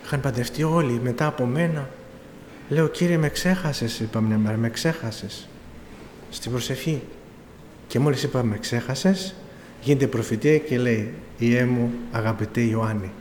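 A man's voice: medium pitch, a little mellow. A middle-aged man preaching, telling his own story with quoted dialogue and pleading emphasis. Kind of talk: sermon testimony. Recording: echoey hall with faint room noise.

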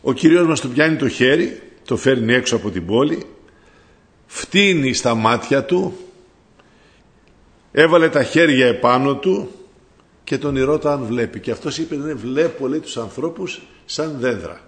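A man preaching a sermon, addressing his listeners as brothers, fervent and rising to loud cries when he quotes. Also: mid-range voice, expressive, pauses often.

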